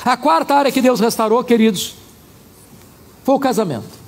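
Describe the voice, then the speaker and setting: A male pastor preaching a sermon with animated, humorous storytelling. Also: extremely high pitch, moderate pace, long reverb tail.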